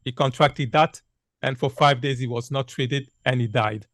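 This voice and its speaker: A man's voice: mid-range voice, normal speed, fairly bright tone, dry recording, studio quality. A man in his fifties from Congo gives an earnest public health talk with many "uh" fillers. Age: 50s. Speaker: speaker giving a health talk.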